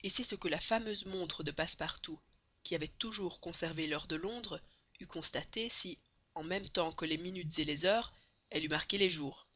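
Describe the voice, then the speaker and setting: A woman reads a classic novel aloud in a bright, somewhat low voice. Her narration is expressive and lifts with the drama of the story. The recording sounds slightly dull and lo-fi. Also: moderate pace. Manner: expressive reading, building excitement at dramatic moments. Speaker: audiobook narrator.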